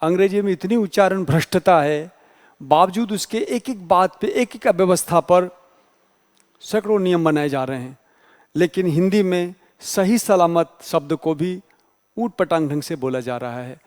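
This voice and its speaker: Male tutor, high voice, patient explanatory lecture style, reverberant room. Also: a little mellow. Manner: explanatory, spells out letters slowly. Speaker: teacher. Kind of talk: exam-prep Hindi grammar lecture.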